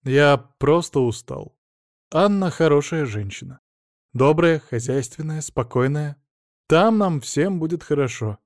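A man reading an audiobook, voicing a tired, modest middle-aged lawyer who speaks quietly. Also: fairly high pitch, animated, unhurried, no echo, clean studio sound. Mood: weary. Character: weary, mild-mannered middle-aged male lawyer.

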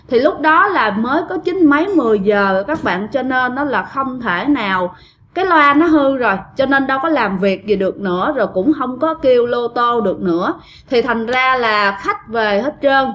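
A woman with a Southern Vietnamese accent, casually retelling a ghost story and chatting directly to her listeners. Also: on the high side.

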